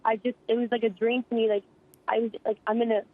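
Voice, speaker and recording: A woman's voice: a little high, little pitch movement. Shaken teenage girl on a phone line. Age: teens. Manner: rapid, shaken recounting. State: in shock. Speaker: eyewitness student. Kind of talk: phone interview.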